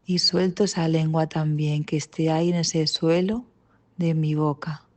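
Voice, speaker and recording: A woman with a Spanish accent and a low voice leads a guided mindfulness body scan meditation. She's calm and gentle, giving short instructions separated by long pauses.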